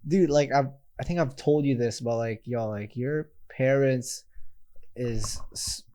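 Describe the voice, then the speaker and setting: Young guy on a podcast, mid pitch, lots of yo and dude, swears a lot. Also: unhurried, dark tone. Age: young adult. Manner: slangy, heavy swearing, emphatic. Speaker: podcast host. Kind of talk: casual podcast chat. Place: small plain room, indoors. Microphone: handheld microphone held close.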